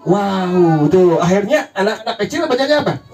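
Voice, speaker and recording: Lively high-voiced religious teacher, jokey. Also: male voice, moderate pace, some chatter behind, a little hiss or hum. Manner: jokey, quizzes the audience with call-and-response questions. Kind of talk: evening Quran recitation lesson. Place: study hall with a gathered congregation. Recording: congregation calling out answers in background.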